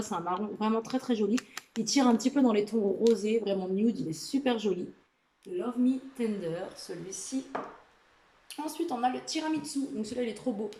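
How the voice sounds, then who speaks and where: Chatty and gushing, a woman vlogs casually about a nail polish haul, using lots of filler words. Her voice is a little high and mellow. The low-quality recording, made in an echoey indoor room with a lamp, carries a faint hiss or hum.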